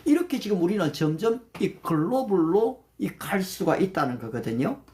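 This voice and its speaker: An older man leading a livestreamed prayer meeting, reciting Bible verses slowly in English and thanking viewers by name. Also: sits high, sing-song, darkish tone. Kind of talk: livestreamed devotional talk.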